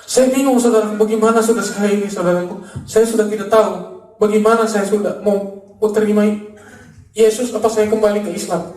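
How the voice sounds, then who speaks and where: A man's voice: high voice, steady tone, fairly quick, darkish tone, roomy sound, far from the mic. A man from Makassar, a former gangster, gives a fervent preached testimony and keeps calling his listeners "brother". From Makassar, Indonesia. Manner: fervent, addresses listeners as "saudaraku" over and over.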